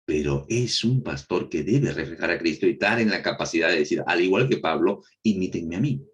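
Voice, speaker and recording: A man's voice: low-pitched, lively intonation, brisk. A man teaching a recorded Bible lesson, asking rhetorical questions and answering them himself, repeating key phrases for emphasis.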